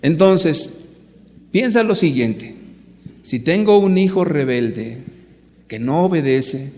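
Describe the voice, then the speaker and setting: A man's voice: fairly high pitch, animated, slow pace, darkish tone. A man preaching to a live audience. He speaks emphatically, asks rhetorical questions and addresses his listeners directly. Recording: echoey hall reverb.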